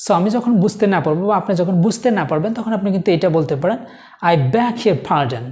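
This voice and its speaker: A woman teaching a spoken-English lesson, saying each model phrase slowly and carefully and often starting her sentences with "So". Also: medium pitch, dark tone.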